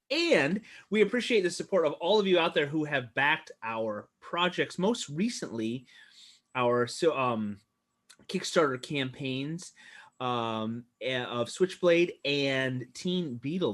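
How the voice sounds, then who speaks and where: A man hosts a casual livestream over a video call, upbeat and chatty, in an ordinary middle-pitched voice that is a bit bright. He speaks expressively and a little slowly, laughing often and trailing off into filler words while thanking people.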